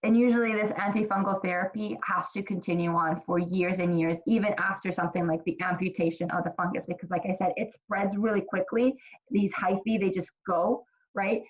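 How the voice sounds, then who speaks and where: A woman's voice: medium pitch, fairly even intonation, fairly quick. A woman from Ethiopia giving a casual college microbiology lecture, chatty, with many fillers and restarts. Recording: slightly dull lo-fi lecture recording.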